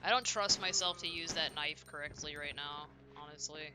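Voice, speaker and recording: A woman's voice: low voice, moderate pace, over music. A woman streaming a horror game, chatting casually and reacting aloud as she plays, self-deprecating and talkative. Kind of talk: casual gameplay commentary.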